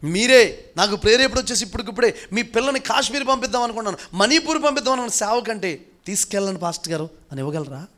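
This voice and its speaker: A pastor delivers a sermon in a notably high voice for a man. He drives his points with strings of rhetorical questions, pushing some lines loud and drawing others out slow and quiet. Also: expressive. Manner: preaching with rhetorical questions, swinging between loud and hushed.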